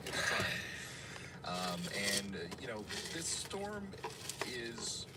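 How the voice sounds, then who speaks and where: A man explaining weather informally in live storm-chase commentary, halting and repeating his phrases. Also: mid-range voice, big pitch swings. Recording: very loud vehicle noise, distant mic.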